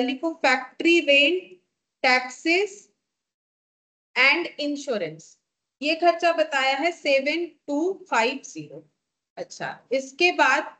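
A high-pitched Indian woman teaches a class step by step. She dictates numbers slowly and repeats them, posing questions and then answering them herself. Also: a bit bright. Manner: slow, repetitive dictation of figures, asking and answering her own questions.

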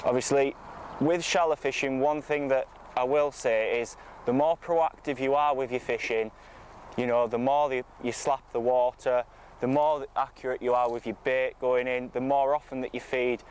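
This fishing coach's mid-range voice is steady and a little mellow, moving at a moderate pace. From a lakeside bank, he addresses the camera in an informal, matter-of-fact instructional style, with outdoor ambient noise around him.

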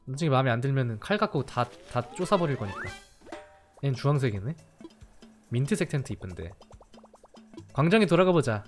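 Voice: medium pitch, big pitch swings, fairly quick, pauses often, faint music behind. A game streamer chatting casually while playing, playful and teasing, cursing in jest and gushing over cute characters. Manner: playful, teasing, swears jokingly, gushes over cute things. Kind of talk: casual let's-play chat.

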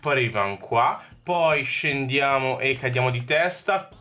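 A young man with an Italian accent commentating his own video game play, excitable, swearing and talking to himself. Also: medium pitch, measured pace, soft background music. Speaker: gaming YouTuber. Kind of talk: Minecraft parkour gameplay commentary.

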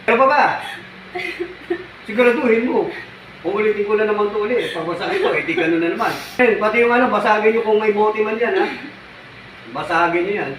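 Male folk healer, high pitch, commanding and repetitive; echoey, off-mic, noisy. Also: brisk, a bit bright. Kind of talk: ritual healing commands. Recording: echoey, distant, noisy ambience.

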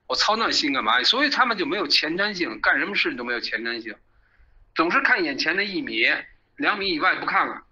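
A man's voice: fairly high pitch, sharp tone, slightly rough, rough recording. A middle-aged man, arguing animatedly as an interview guest and often asking "you know?". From China. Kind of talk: casual opinionated chat.

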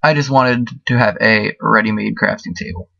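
A man's voice: on the low side, steady tone, moderate pace, gravelly, sharp tone, no echo, lo-fi sound. A man giving casual, rambling let's-play commentary as a gaming video host, full of fillers.

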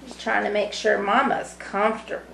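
A middle-aged woman, an early childhood education student, reads a rhyming picture book to young children in a singsong way, adding little explanatory asides. Her mid-range voice is gravelly and a bit bright, with fairly even intonation, normal speed, and a little hiss or hum. The roomy, echoing home recording was made in a small indoor room with a brick wall.

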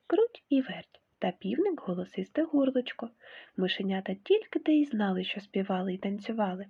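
A woman teacher reading a fairy tale aloud to young children in an expressive storytelling manner. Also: medium pitch, slightly rough. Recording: tinny phone-like sound.

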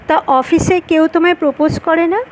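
A woman reading the lines of an earnest grown man in love who is quick to anger, in her own high voice. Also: steady tone, slight background noise, poor audio.

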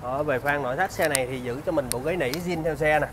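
A man with a southern Vietnamese accent and a slightly high voice delivers a used car salesman's walkaround pitch. He speaks in polite, practised sales patter. The sound is a handheld phone recording in a large service bay, with faint background noise. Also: fast talker, fairly bright tone. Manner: salesman's patter, polite address and repeated selling points.

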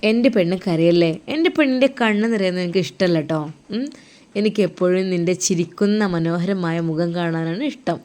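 A woman voicing a tender young husband far from home who gently consoles his crying wife in a told story. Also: on the low side, brisk, lightly acted. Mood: soothing. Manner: gentle, coaxing, soothing. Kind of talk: storytelling role-play.

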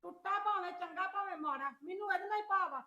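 A woman playing a sharp-tongued mother-in-law who scolds her daughter in a family drama. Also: very high-pitched, quick pace, dull audio, exaggerated voice. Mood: scolding. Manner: scolding, abrupt outbursts. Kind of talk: amateur family drama acting. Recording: echoey room.

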